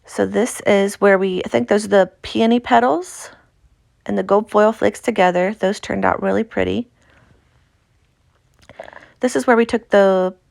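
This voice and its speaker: Creaky-voiced Appalachian woman teaching crafts. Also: mid-range voice, darkish tone, no echo, clean studio sound. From Appalachia, United States. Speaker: craft tutorial host. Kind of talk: casual instructional craft voice-over.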